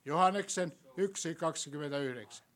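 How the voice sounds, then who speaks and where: A man preaching a sermon in a church, asking the congregation questions and rising to loud, emphatic peaks before closing in prayer. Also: a little high.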